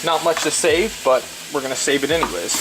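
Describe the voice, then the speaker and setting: A man with a slightly high voice hosts a casual cooking video, speaking briskly in a blunt, crude, rambling way and repeating himself. The recording is clearly noisy with frying and stirring, a sizzling pan and clicks behind him.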